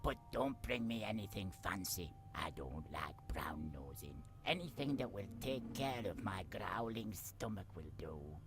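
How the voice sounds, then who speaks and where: A man voicing a grumpy old bearded household spirit in a video game, with a gruff, frowning, muttering delivery. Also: sits low, expressive, unhurried, few pauses, music in the background. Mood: grudging, hungry. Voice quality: gruff, gravelly. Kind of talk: video game character dialogue.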